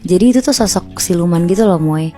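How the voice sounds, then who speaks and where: A woman's voice: lowish voice, fast, dark tone, soft background music. A woman casually telling a horror story to friends on a podcast, chatty and slangy, calling her listeners by nicknames.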